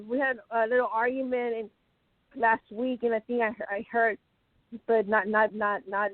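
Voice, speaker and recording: A woman's voice: on the high side, dry recording. A woman calling into a radio show over a phone line, hesitant and stammering as she asks her question. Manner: hesitant, stammering, fumbles for words. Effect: phone-line call into a radio show. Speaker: caller. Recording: dry tinny phone line.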